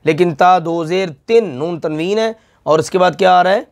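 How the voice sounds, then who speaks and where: A man's voice: high voice, moderate pace, gravelly. A middle-aged man teaching Quran recitation rules, stretching out the sounds he recites and patiently repeating each rule with questions for the listener. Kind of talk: slow Tajweed lesson with drawn-out recitation.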